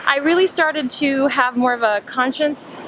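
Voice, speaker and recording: A woman's voice: high-pitched, unhurried, background noise. A young woman from Cuba, chatty and upbeat, talking through a casual travel vlog outdoors in a beach town. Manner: chatty, upbeat, many fillers. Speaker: vlogger.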